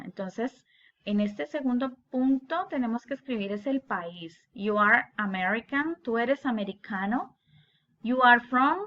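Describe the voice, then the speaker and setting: Woman, English teacher, slow delivery, bright voice, dull lo-fi audio. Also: mid-range voice. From Colombia. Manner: reads English words, then translates into Spanish. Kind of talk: slow explanatory lesson walkthrough.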